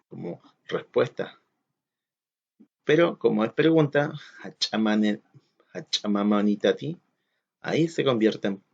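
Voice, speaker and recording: A man's voice: on the low side, vocal fry, a little mellow, breathy edge. A man teaching a recorded school lesson, explaining step by step and asking the class questions. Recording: dull lo-fi sound.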